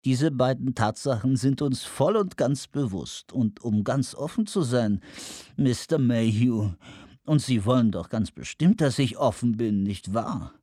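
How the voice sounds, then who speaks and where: Guy putting on a slimy villain on the phone, slow and smooth, creepy. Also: mid-range voice, lively intonation, mellow, no room sound, clean studio sound. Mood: oily menace. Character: oily menacing male villain on the phone.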